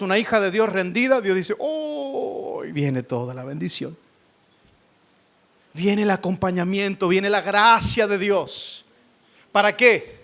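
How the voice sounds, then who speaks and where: Fervent high-voiced pastor preaching. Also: male voice, fairly bright tone. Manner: fervent, rising to emphatic preaching with repeated phrases. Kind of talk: sermon. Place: church service.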